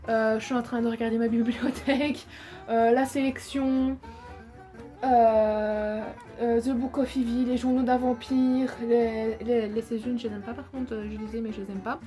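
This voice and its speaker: Young woman, vlog host, fairly high voice, gushing and rambling about favorites. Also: darkish tone. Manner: enthusiastic, rambling with many fillers. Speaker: YouTuber.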